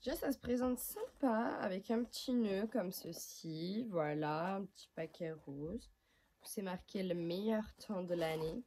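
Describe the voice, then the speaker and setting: A young woman with a mellow, medium-pitched voice vlogs from her bedroom at night, chatting to camera about her skincare routine. She's animated yet unhurried, frank and self-mocking, sometimes slipping into a whisper. The beauty vlogger films on a handheld phone with no tripod, and there's slight background noise.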